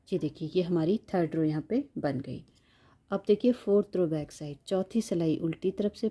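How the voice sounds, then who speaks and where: A woman with a low, very dark and mellow voice walks viewers through a knitting pattern. She speaks slowly and patiently, repeating steps and counting stitches aloud. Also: breathy edge. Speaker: knitting instructor. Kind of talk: step-by-step knitting tutorial.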